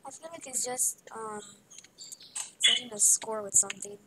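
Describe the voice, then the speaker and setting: A woman's voice: fairly high pitch, brisk. A woman giving playful, rambling commentary while playing a video game, often dropping into whispers, over a noisy home recording. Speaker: gaming video creator. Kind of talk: casual gameplay commentary.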